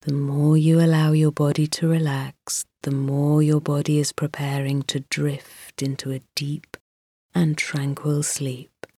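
Slow, soft-spoken woman guiding meditation. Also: sits low, little pitch movement, slightly rough, dry recording. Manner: slow, soft, soothing, drifting into whispers. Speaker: meditation guide. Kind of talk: guided sleep meditation.

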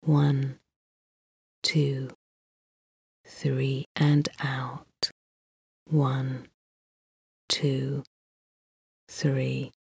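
Slow, soft-spoken woman guiding meditation. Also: very deep voice, little pitch movement, creaky, breathy edge. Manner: slow, soft, soothing, drifting into whispers. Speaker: meditation guide. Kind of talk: guided sleep meditation.

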